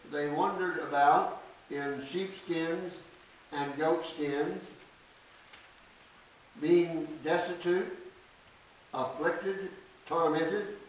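An older man preaching a sermon at a church podium, reading scripture slowly and deliberately with emphatic stresses. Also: a little high. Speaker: pastor. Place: small church sanctuary. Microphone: podium mic from a distance. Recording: echoey church, distant mic, faint hiss.

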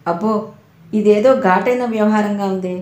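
A woman's voice: mid-range voice, steady tone, normal speed, darkish tone, lightly acted. List: woman voicing young elder sister, impatient, scolding, storybook, echoey room. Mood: fretful. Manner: scolding, exasperated. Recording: roomy echo.

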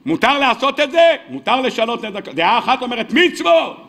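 A man delivers a weekly sermon as a rabbi, his voice pitched unusually high and tense with brightness. He tells stories with animation, slipping into the characters' dialogue and turning to his listeners with questions. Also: expressive, creaky. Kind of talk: sermon with storytelling.

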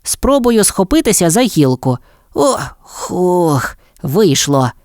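A woman voicing a curious, cheerful little male mole in a storybook, with bright, excited exclamations. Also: on the low side, takes it slowly, no echo, studio quality, voice pushed up. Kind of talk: storybook voice acting.

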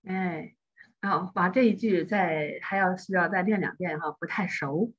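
Woman teacher, husky and low, dull lo-fi call audio, coaches patiently. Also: unhurried. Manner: encouraging, corrects pronunciation. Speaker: English teacher. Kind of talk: online class coaching.

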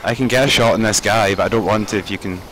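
A man talks over voice chat while playing a survival game, hesitant and full of tactical questions. His voice sits a little low. A steady noise runs beneath the recording. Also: quick pace. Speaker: game player. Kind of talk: gameplay voice chat. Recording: voice chat with clear background noise.

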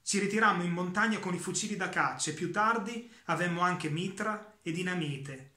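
Man reading a story in an echoey room. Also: sits high. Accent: Italian. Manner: calm, measured storytelling with slow pauses. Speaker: reader of a short story. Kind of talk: literary reading aloud.

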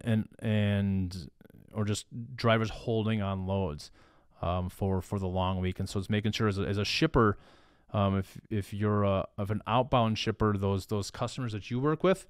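A man's voice: on the low side, smooth, dry recording, clean studio sound. A man with a northern Minnesotan accent, moderating a casual discussion among colleagues and putting questions to them in an easygoing way. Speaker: logistics panel moderator.

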